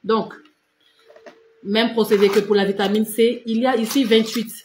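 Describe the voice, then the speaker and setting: A woman's voice: fairly high pitch, steady tone, normal speed, a little mellow, roomy sound, a little hiss or hum. A woman giving casual, insistent skincare and diet advice on a live stream, repeating herself and talking straight to her viewers. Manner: repetitive, direct, addresses viewers as tu and vous.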